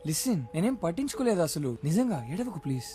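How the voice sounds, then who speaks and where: An easygoing young man who talks softly to calm others. His voice moves up and down a lot. Film music plays under it. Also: sits high, quick pace. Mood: reassuring. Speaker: young male lead. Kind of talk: film acting.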